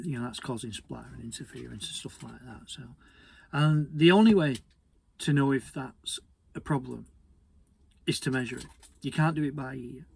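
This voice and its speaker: In a casual technical explainer, a British hobby radio presenter hesitates and repeats words often while keeping a conversational tone. His mid-range voice has a gravelly, husky texture.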